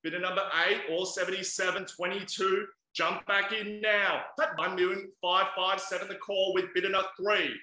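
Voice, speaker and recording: A bright, sharp-toned man in his thirties runs a property auction over a webcam, coaxing and pushing bidders along. His voice sits fairly high, and the room around him rings with echo. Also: fairly even intonation, moderate pace, hardly any pauses. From Australia. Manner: persuasive, coaxing buyers with repeated bid calls. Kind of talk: live property auction calling. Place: indoors by a large glass window. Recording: echoey room sound.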